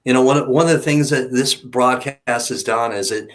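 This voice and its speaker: A man hosting a broadcast, speaking in a measured, reassuring way with pauses, offering faith-based encouragement. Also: mid-range voice. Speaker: host of an online support broadcast. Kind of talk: encouraging, faith-based talk to guests and viewers.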